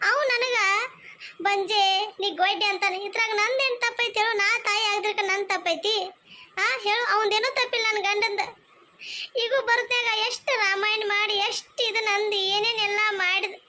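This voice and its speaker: A woman's voice: very high voice, fairly even intonation, normal speed, bright, forceful tone, slight background noise. A woman with a North Karnataka accent voicing a devout, childless young wife in a cartoon, tearful and pleading. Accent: North Karnataka Kannada.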